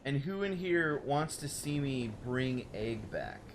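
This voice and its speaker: A young man chatting casually through a game stream, rambling and excitable, exclaiming at the game as he plays at home. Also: medium pitch, takes it slowly, noisy background. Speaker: let's play streamer. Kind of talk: casual gameplay commentary. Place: home room.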